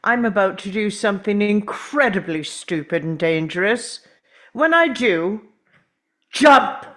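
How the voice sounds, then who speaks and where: A woman's voice: medium pitch, lively intonation, fairly bright tone. A woman playing a cocky, daring male alien doctor hero in an amateur script read, with dramatic, commanding delivery. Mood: urgent, commanding. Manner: dramatic, commanding, savoring pauses.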